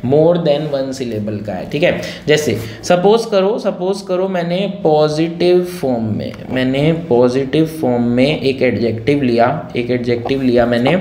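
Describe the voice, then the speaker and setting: A man's voice: on the high side, a little mellow. Guy teaching grammar to a class, keeps repeating stuff and asking "got it?", roomy echo, bit of faint noise. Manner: repeats key words and quizzes students with constant check questions. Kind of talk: classroom grammar lesson in Hindi mixed with English. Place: classroom with students answering.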